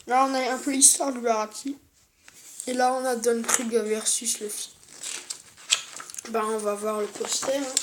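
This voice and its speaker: A speaker presenting an unboxing video in an informal, halting and repetitive way, with speech affected by new dental braces. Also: medium pitch. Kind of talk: casual unboxing commentary, partly reading aloud. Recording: clearly noisy home-made recording.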